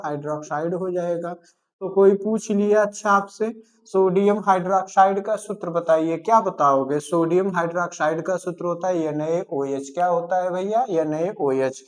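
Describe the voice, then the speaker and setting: A man teaching chemistry in a lecture style, asking the class questions and then answering them himself while repeating the key terms. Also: high voice.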